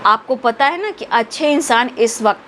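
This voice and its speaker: A woman's voice: fairly high pitch, expressive, normal speed, fairly bright tone, a little hiss or hum. A woman tarot reader, giving spiritual guidance to her viewers in an earnest, affectionate, preachy way.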